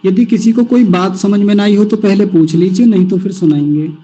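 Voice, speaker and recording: A man teaching Sanskrit verse pronunciation in an online class, slowly drilling each syllable and having students repeat after him. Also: sits high, mellow, dull audio. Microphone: video call.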